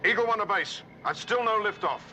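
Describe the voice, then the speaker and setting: An actor playing a spacecraft pilot making urgent, clipped radio calls to base through a crackly sci-fi communicator, in 1970s TV drama style. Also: male voice, high-pitched, lively intonation, fairly quick, bright, forceful tone, heavily acted. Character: tense male pilot calling base over the radio. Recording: noisy radio transmission.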